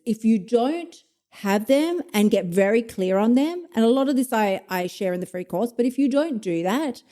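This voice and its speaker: On her solo podcast, a fifty-something motivation coach speaks in a mellow, mid-range voice. She talks straight, swears freely, and laughs at herself while coaching her audience.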